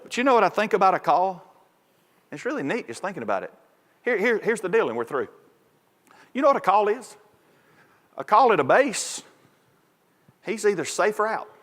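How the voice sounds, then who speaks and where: Male pastor, folksy storyteller who works up to loud preaching; fairly high voice, long reverb of a church hall. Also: sing-song, moderate pace, long pauses. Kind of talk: sermon. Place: large church sanctuary.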